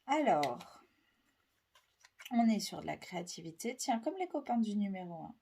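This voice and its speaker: Mellow-voiced woman reading tarot cards. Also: medium pitch, sing-song, normal speed, husky. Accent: French. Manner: rambling, hesitant, lots of fillers. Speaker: tarot reader. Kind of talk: casual weekly tarot reading.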